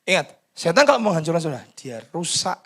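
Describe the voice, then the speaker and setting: A pastor delivering a charismatic sermon, swinging from shouted pleading to hushed whispers. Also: male voice, on the high side, very animated, fast talker.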